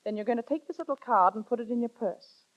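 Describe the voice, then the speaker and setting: An actress playing a worldly sister who coaxes with conspiratorial glee, in vintage radio drama style, on a dull old broadcast recording. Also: female voice, on the high side, quick pace, natural voice. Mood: coaxing. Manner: coaxing, playfully conspiratorial. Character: worldly older sister, scheming matchmaker. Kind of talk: 1930s radio drama acting.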